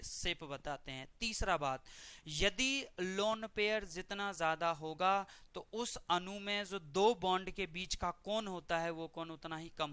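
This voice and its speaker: A man's voice: fairly high pitch, bright, forceful tone, clean tone, dry recording. A man teaching a chemistry exam-prep lesson, putting questions to his students and answering them himself.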